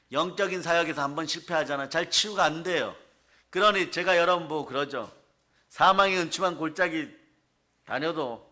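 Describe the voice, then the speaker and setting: A man preaching a revival sermon in a church, telling a story with lively, acted-out scenes. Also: fairly high pitch. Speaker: pastor. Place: church sanctuary.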